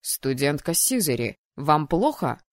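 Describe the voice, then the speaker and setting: A woman reading an audiobook voices a stern male academy dean who gives curt, sharp reprimands. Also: sits low, very animated, measured pace, no room sound, studio quality, voice pushed down, heavily acted.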